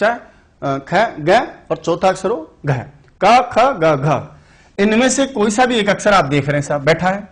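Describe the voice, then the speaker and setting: A man teaching Sanskrit in an online exam-prep class, telling chatty stories, putting questions to the students and explaining slowly and deliberately. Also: high-pitched, a bit bright.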